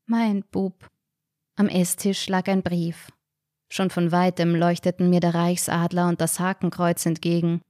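Woman reading a story, low and pretty flat, dry close sound. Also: no echo. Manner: calm, measured. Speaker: narrator. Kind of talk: audiobook short story reading.

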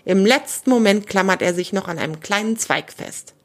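A woman's voice: mid-range voice, animated, normal speed. Woman narrating a children's story.

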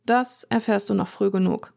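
A woman voicing a calm young man who holds someone captive and speaks in a flat, nearly expressionless way. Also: mid-range voice, normal speed, gravelly. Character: young man, calm, quietly possessive captor.

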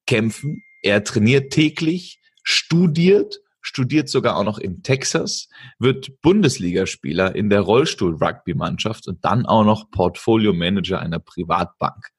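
A man's voice: lowish voice, lively intonation, a little slow, breathy edge. A man hosting a podcast interview, upbeat, with frequent filler sounds. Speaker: podcast host.

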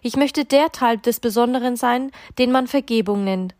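A woman voicing an excitable, childlike little soul in a storybook reading, with a high, eager voice. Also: moderate pace, no echo, clean studio sound, close to an everyday voice. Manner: high, bright and eager, voice jumping up.

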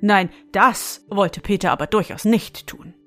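Lady reading a fairy tale really slow, lots of little asides, faint music in the back. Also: medium pitch. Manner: warm, expressive asides to the listener. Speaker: storyteller.

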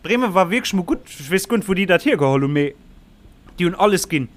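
Ein Mann mit luxemburgischem Akzent, Co-Moderator eines Sportpodcasts, plaudert locker, macht Witze und lacht oft. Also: male voice, high-pitched, lively intonation, racing. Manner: joking, laughs often. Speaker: podcast co-host. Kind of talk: casual sports chat.

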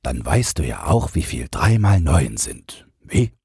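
A man reading a gruff, kindly old rabbit keeper. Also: extremely low pitch, big pitch swings, measured pace, dry recording, studio quality, exaggerated voice. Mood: coaxing. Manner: gentle, gruff, coaxing. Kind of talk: audiobook character voice.

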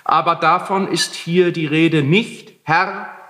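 A man's voice: fairly high pitch, steady tone, slow pace, sharp tone, in a large hall, pitched above the performer's own voice. A man reading aloud and voicing an old landlord who scolds and blusters about his missing staircase. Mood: indignant. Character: old male landlord, furious and indignant. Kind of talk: literary reading.

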